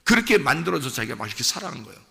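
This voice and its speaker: A male pastor preaching a sermon, swinging from low murmurs to shouted peaks and acting out the inner voices of his listeners. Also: sing-song, racing, creaky. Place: church sanctuary. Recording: long church hall reverb.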